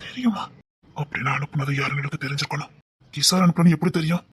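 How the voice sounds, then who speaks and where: A woman playing a police officer who is a heartbroken lover in an audio drama, speaking with a Tirunelveli Tamil accent in a hushed, urgent way that turns mournful. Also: sits low, fast, husky. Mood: questioning.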